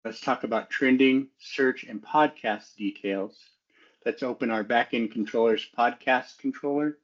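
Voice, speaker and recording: In dull audio, a man talks through a technical topic as a student developer, presenting in a methodical, explanatory, semi-scripted way. He speaks unhurriedly at a medium pitch.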